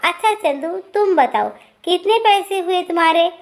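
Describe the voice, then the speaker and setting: A woman's voice: extremely high pitch, normal speed. A woman voicing an exasperated young husband who scolds his wife.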